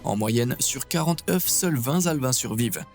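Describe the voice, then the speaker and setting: A man's voice: medium pitch, animated, moderate pace, darkish tone, soft background music. A man reading scripted nature documentary narration, with a wry and playful manner.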